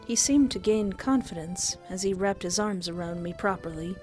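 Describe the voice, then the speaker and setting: A woman streamer reading a visual novel aloud on a livestream, playful and quick to laugh between the story's lines. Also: on the low side. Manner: lively, playful, laughs often.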